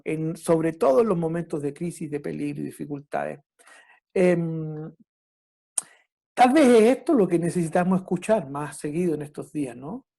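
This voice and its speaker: A reflective preacher delivering a sermon at a mid-range pitch, neither high nor low. The delivery is measured and halting, with restarts, and the preacher keeps checking in with the listeners through tag questions. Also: dark tone.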